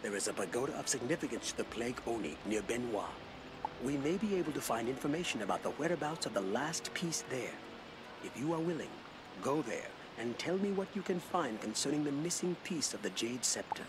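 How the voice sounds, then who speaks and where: An actor playing a formal, apologetic spiritual guide in a video game, speaking in a measured, courteous way. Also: male voice, medium pitch, very animated, noisy background, lightly acted. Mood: solemn. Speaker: quest-giver character in a video game.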